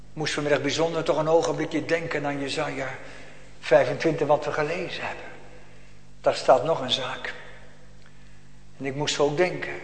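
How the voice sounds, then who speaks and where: Echoey preacher, dramatic swings. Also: male voice, fairly high pitch, a little hiss or hum. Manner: dramatic swings from hushed to loud. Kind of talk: sermon. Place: church. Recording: echoey church hall.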